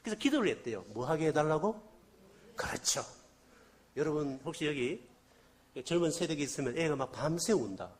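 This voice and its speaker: A man's voice: on the high side, moderate pace, pauses often. A man preaching a sermon as a guest revival speaker, telling a story and asking the congregation questions, with a slight cold. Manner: animated, asks the congregation questions.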